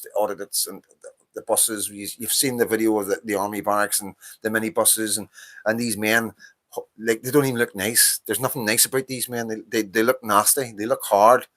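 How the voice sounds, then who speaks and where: This Northern Irish livestream host in his fifties has a fairly bright, low-leaning voice, a steady tone and a brisk pace. Talking casually about politics, he rants with impassioned anger, curses and repeats himself.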